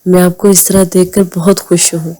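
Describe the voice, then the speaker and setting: A woman's voice: fairly low pitch, flat delivery, mellow, natural voice. Woman voicing a playful teenage girl. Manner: teasing.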